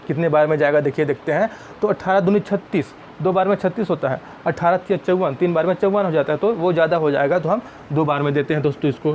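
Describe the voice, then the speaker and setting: Male math tutor, slightly high voice, patient and repetitive, faint hiss behind. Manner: patient, often addressing viewers as friends. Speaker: math teacher. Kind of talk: step-by-step classroom explanation.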